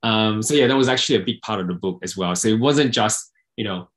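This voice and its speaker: Low-voiced man, hesitant interview talk. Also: quick pace. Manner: hesitant, many fillers. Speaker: photography software co-founder.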